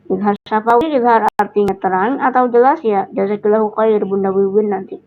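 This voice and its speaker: A hoarse woman with a Sundanese accent teaching Quran recitation rules on a live stream, drawing out each recited example. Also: medium pitch, steady tone, slight background noise. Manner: slow, drawn-out explanation with recited examples. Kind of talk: live-streamed tajwid lesson. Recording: tinny phone-line sound.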